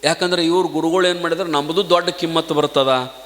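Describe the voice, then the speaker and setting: A man telling a story in a spiritual sermon, lively and addressing listeners respectfully. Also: a little high, brisk, in a large hall. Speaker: preacher.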